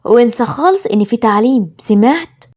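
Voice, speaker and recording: A woman with an Egyptian accent voicing a cruel, scolding older mother who shouts orders at her son. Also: fairly high pitch, lively intonation, fairly quick. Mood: harsh. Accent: Egyptian Arabic.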